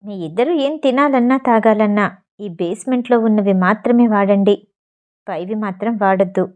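A woman voicing a suspicious, stern male gang member in an audio novel, giving gruff, distrustful orders in a lowered voice. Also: normal speed, a little mellow, highs cut off, close to an everyday voice.

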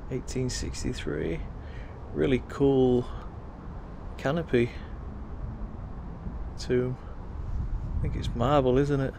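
A man strolling through a cemetery, musing aloud and reading gravestones in a casual, unhurried way. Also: mid-range voice, mellow. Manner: musing, reads gravestones aloud, frequent ums. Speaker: cemetery walking tour vlogger. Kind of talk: casual walking commentary. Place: outdoors in a cemetery. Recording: outdoor noise and passing traffic.

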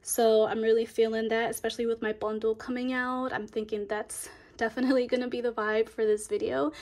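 A woman chatting casually in a vlog, then slowly guiding affirmations in a soft voice. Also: fairly high pitch. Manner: chatty, rambling with fillers. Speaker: budgeting vlogger. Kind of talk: casual chat and guided affirmations.

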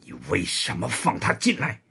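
Man voicing a gruff middle-aged spymaster, low and curt, clipped lines. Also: big pitch swings, normal speed, bright, forceful tone, exaggerated voice. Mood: stern, gruff. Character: stern, curt male spy chief, middle-aged.

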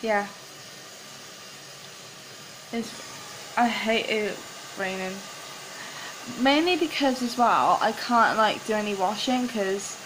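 A woman's voice: medium pitch, animated, slow pace, pauses often, background noise. A young woman chatting casually in a rambling, giggly way while vlogging on a phone held at arm's length. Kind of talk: casual vlog chat. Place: small flat indoors, then windy street outdoors. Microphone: handheld phone camera at arm's length.

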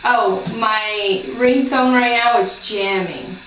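Slow and medium-pitched with a fairly bright tone, this woman in her late twenties, born in Brazil, rambles to her camera with plenty of ums. She's in a small room near a door, the camera placed across from her, so the audio is roomy and distant with slight background noise.

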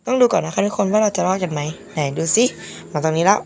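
Hoarse, creaky-voiced woman gamer. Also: fairly low pitch, fast talker, a little mellow, slight background noise. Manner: polite, addresses viewers constantly. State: hoarse from being sick. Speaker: gaming video host. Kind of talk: casual game commentary to viewers.

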